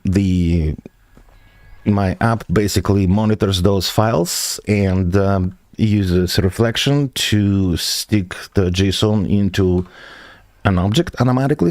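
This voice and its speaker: A man streaming as a software developer, walking through his project step by step, answering viewer questions with frequent hesitations. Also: low voice, no room sound. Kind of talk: live stream tech walkthrough.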